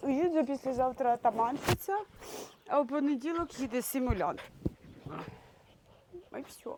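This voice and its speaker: A woman's voice: high-pitched, normal speed, very noisy. A Ukrainian woman dog breeder, tearful, cooing baby talk to her puppies in an emotional vlog. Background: dogs.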